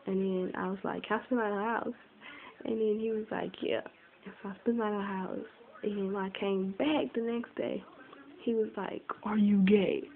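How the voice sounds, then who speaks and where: A woman's voice: medium pitch, fairly even intonation, brisk. A young woman telling a personal story in a casual, rambling way, full of "like" and "you know". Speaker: vlogger. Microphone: phone. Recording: tinny phone recording with faint hiss.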